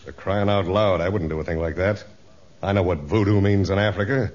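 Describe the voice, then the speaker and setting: A brash, joking blusterer. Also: male voice, medium pitch, sing-song, brisk, a bit bright. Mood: defensive. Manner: brash, laughing, defensive. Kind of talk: 1940s radio acting. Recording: dull lo-fi old radio recording.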